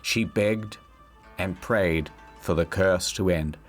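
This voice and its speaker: A man narrating a comedic history video, wry and storytelling, with sudden swings in pitch. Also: slow pace, soft background music.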